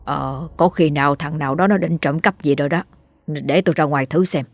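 A frightened middle-aged husband from a country village, stammering, voiced by a woman. The voice sits low and steady, with soft music under the storybook reading. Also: brisk, no echo. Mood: wary. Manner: stammers when scared.

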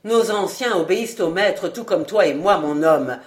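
A woman voicing a huge, burly, calm outlaw who speaks in a low grumbling murmur. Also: normal speed, lightly acted.

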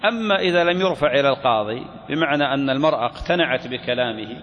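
A man's voice: medium pitch, expressive, racing. A man explaining a classical religious text step by step, asking questions and answering them himself. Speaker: sheikh teaching a fiqh text. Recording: dull recording in a reverberant hall with faint noise.

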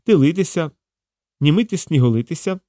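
A man's voice: on the high side, lively intonation, fairly quick, mellow, no room sound, studio quality, voice pushed up, close to an everyday voice. A man voicing a playful young woman colleague in a storybook reading, with a lighter, lifted delivery. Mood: musing.

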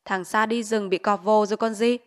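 A woman's voice: mid-range voice, fairly even intonation, moderate pace, close to an everyday voice. A woman reading a novel aloud and voicing a stern old male village official who barks curt orders. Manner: curt, loud barking orders. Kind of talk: audiobook character voice.

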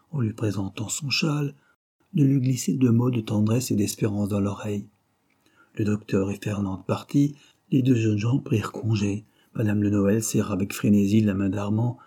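Man, audiobook narration, husky, dark warm tone, lively dialogue. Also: on the low side. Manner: reads the dialogue with raised, lively voices. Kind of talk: scripted narration.

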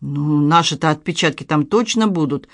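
A narrator puts on a sharp-tongued middle-aged woman with an indignant, sardonic edge. She pushes back and complains readily. The recording is dry and close. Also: sits low, normal speed, no echo. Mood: defensive.

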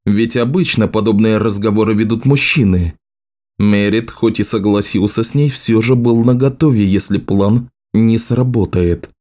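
A man's voice: lowish voice, moderate pace, a little mellow. A man steadily reading a fantasy novel aloud as the audiobook narrator.

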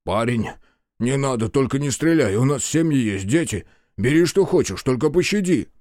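A man's voice: medium pitch, lively intonation, normal speed, a little mellow, dry recording, studio quality, lightly acted. A man voicing a skinny, frightened young militiaman of about eighteen who speaks timidly and pleadingly.

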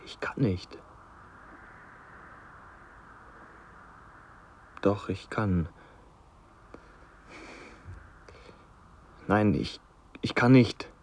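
An actor playing a frightened young son facing sacrifice, speaking in a hushed, hesitant, fearful way in a radio play. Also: male voice, lowish voice, unhurried, a little hiss or hum, natural voice. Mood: faltering. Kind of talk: vintage radio play acting.

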